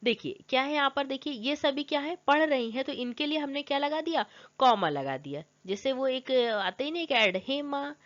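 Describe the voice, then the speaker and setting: A young woman teaching a grammar lesson. She asks the class questions and then answers them herself, and she reads example sentences slowly, stressing each pause. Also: sits high, expressive, a bit bright. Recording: dull lo-fi recording.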